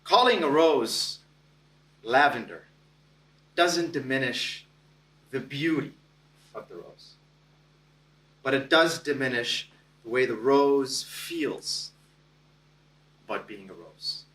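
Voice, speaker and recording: A man giving a prepared contest speech, telling a personal story dramatically with deliberate pauses. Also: mid-range voice, expressive, fairly bright tone. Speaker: contest speaker. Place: club meeting hall. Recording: echoey hall from a distance.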